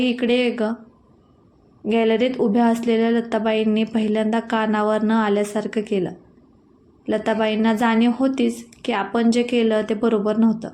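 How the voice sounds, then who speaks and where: A woman tells an emotional family story in a gentle, expressive voice. Her fairly high voice gives the scripted reading a soft touch. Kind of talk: scripted narration.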